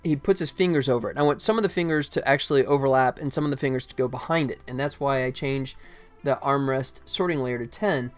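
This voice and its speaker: Talking quickly at a medium pitch, a middle-aged man narrates his game development live on stream, musing aloud in short bursts. Soft background music accompanies his casual commentary.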